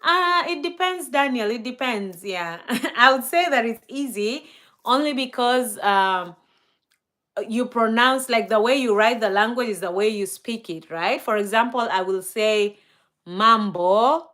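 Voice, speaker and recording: On her live stream, a woman from Kenya reads out comments from viewers, laughing easily and using lots of fillers. She speaks with a Kenyan accent, Swahili and Luo being her first languages. Her voice is somewhat high and a bit bright, at a measured pace.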